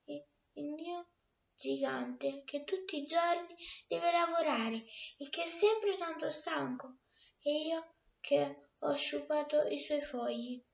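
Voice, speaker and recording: A woman's voice: high-pitched, unhurried, roomy sound, dull audio. A woman voicing a little girl in a storybook reading, pleading and tearful. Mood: tender. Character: small frightened then tender little girl.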